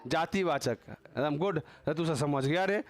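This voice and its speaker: A man's voice: fairly high pitch, unhurried. A man teaching a casual grammar class, teasing and quizzing his students with constant tag questions.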